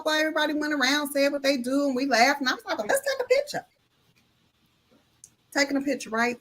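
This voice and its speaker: A woman guest on a live talk show, telling a story in casual, colloquial speech, acting out the voices of the people in it and speaking of her faith, heard over a video call. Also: high voice. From Illinois. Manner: lively storyteller who acts out each voice in the tale. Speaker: notary guest.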